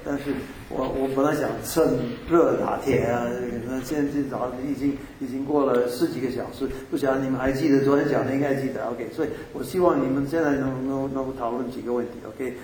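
A man leading a Bible study, giving group instructions in a halting way full of restarts and checks. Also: medium pitch, fairly even intonation, darkish tone. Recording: echoey hall, far from the mic, noisy.

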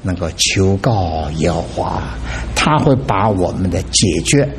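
A middle-aged man preaching a sermon as pastor, with dramatic exclamations and an animated delivery. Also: sits low, unhurried, slight background noise.

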